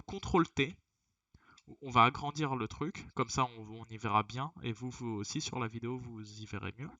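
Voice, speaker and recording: Young guy doing a chatty tutorial, bright voice, kinda far off the mic and lo-fi. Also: medium pitch, dry recording. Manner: chatty, talks to viewers as "les gars"; narrates each click with "hop". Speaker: tutorial creator. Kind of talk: casual screen-recorded tutorial. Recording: distant, dull lo-fi dry recording.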